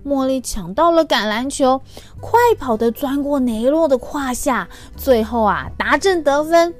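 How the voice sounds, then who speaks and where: A woman reads a picture book aloud as if to a toddler, talking to the little listeners with gentle questions. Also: a little high. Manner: reading as if to a toddler, gentle questions and soft sentence particles. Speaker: storyteller for children. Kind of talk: animated picture-book reading to small children.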